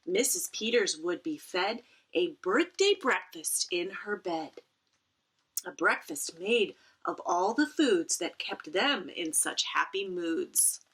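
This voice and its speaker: A teacher reads a picture book aloud, a children's story delivered slowly, with lively pitch swings, dramatic emphasis and playful asides. Her animated voice is bright, with a breathy, husky edge.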